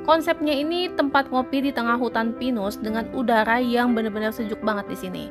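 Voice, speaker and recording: A woman travel vlogger reading an upbeat, chatty scripted voice-over that keeps addressing her viewers as friends. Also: fairly high pitch. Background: background music.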